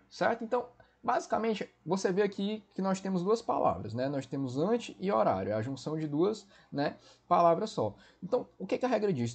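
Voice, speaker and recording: A man teaching a Portuguese grammar lesson for exam preparation, explaining step by step and checking in often with quick tag questions. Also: a little high, gravelly, slightly rough.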